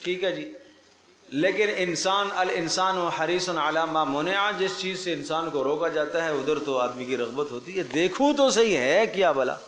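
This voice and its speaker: A man's voice: a little high, fairly bright tone. Preaching man in an echoey room. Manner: storytelling, acts out speakers in his parables, repeats phrases for emphasis. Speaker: religious teacher giving Quran commentary. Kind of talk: Urdu sermon with vivid parables.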